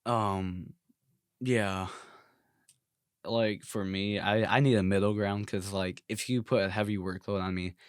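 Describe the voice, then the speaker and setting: Laid-back young man, low voice. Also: fairly even intonation, unhurried, clear, resonant tone, no room sound, clean studio sound. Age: young adult. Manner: laid-back, filler-heavy. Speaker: podcast guest. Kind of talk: casual chat.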